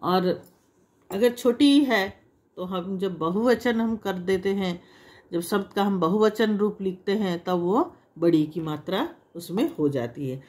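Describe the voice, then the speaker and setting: Slow, patient woman teaching children. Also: medium pitch, a little mellow. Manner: slow, patient explaining with repeated examples; stretches vowels to demonstrate sounds. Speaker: Hindi teacher. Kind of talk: children's language lesson.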